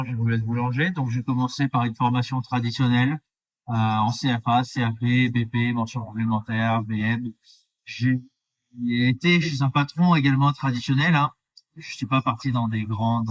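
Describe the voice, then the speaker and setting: A man's voice: mid-range voice, fairly even intonation, normal speed. A man from the Drôme answers interview questions about his work as a baker in an earnest, explanatory way. His voice sits in a middle range. He sounds somewhat distant from the microphone. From France, Drôme. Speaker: baker, guest.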